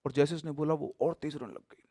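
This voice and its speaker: A man telling a horror story casually and animatedly, mixing in English words and swinging between loud suspense and hushed tones. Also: fairly high pitch, fairly even intonation, fairly quick, breathy edge, dry recording.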